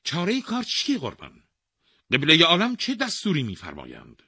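A man voicing nervous royal officers who ask the king for orders in a husky voice. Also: fairly high pitch, huge pitch swings, bright, forceful tone, dry recording, studio quality, voice pushed up, heavily acted. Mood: anxious.

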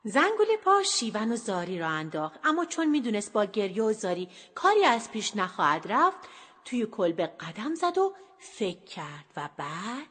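A woman telling a children's story with lively, expressive narration. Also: medium pitch. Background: music.

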